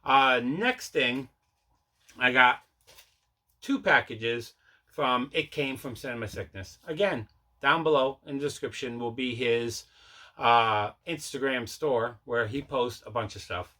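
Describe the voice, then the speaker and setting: This collecting-vlog host has a mid-range, sharp-toned voice and an unhurried delivery. Chatting casually through an unboxing, he rambles and revises himself along the way.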